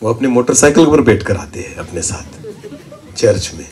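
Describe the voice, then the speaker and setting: A male pastor preaching a call-and-response sermon, questioning the congregation, having them repeat answers back, and breaking into sudden shouts. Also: medium pitch, big pitch swings, moderate pace.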